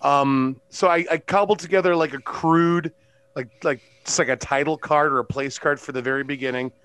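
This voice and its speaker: A man's voice: fairly high pitch, steady tone, normal speed, fairly bright tone, clean tone. A man co-hosting a podcast in casual chat, rambling with lots of fillers and swearing. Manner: rambling, full of fillers and profanity. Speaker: podcast co-host.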